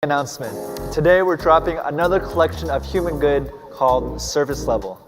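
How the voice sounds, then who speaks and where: A man's voice: on the high side, fairly quick. A man reading a scripted promo announcement for a channel in a punchy, salesy way. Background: music.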